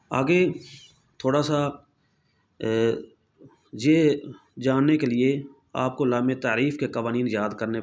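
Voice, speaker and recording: A man teaching the rules of Quran recitation, explaining patiently and repeating himself, slowly demonstrating pronunciations and checking in often with his students. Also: medium pitch. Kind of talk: explanatory tajweed lesson.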